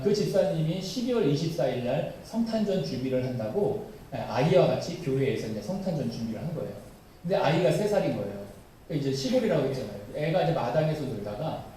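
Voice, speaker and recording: Man preaching, lively up-and-down voice, kinda mellow, boomy church sound from far off. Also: a little hiss or hum. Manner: animated, addresses the congregation directly. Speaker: pastor. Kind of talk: sermon. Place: church sanctuary. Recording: very echoey church hall, voice from far off.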